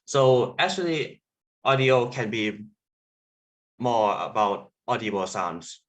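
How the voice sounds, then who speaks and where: A young man from Thailand with a Thai accent gives an online presentation as a sound artist, speaking haltingly with many fillers and restarts. His voice is medium-pitched with lively intonation, and the audio is poor.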